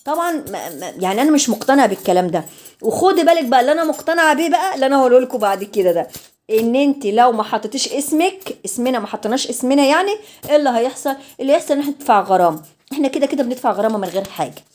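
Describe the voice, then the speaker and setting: Egyptian woman, home vlogger, fast and talkative, slightly high voice. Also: animated, a little mellow. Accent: Egyptian Arabic. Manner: rapid, teasing, addresses followers with pet names. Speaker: vlogger and domestic worker. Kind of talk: chatty home vlog while cleaning. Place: home, cleaning.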